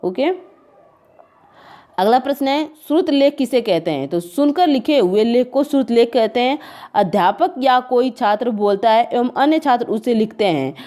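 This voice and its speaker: Woman exam tutor, higher-pitched but mellow voice, steady explain-and-repeat delivery. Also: moderate pace. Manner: addresses viewers as friends, repeats "okay" between points. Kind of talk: exam answer walkthrough.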